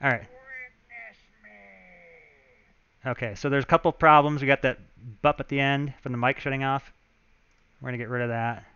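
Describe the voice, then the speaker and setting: Chatty man, bright crisp voice. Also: mid-range voice, level tone, quick pace, no echo, dull audio. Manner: chatty, thinking aloud with frequent fillers. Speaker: game developer. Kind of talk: casual live-stream walkthrough.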